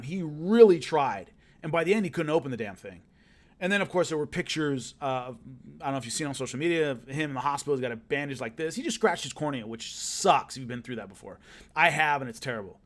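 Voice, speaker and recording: A middle-aged man talks through a post-fight breakdown on his own, blunt and emphatic, with some casual swearing. His voice sits a little high for a man. He speaks as a seasoned combat sports analyst giving his take straight.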